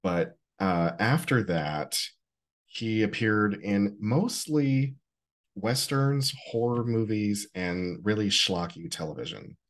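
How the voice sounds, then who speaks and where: A man in his forties co-hosting a casual podcast, relaxed and wry as he shares film history. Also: on the low side, slow pace. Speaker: podcast co-host. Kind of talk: casual chat.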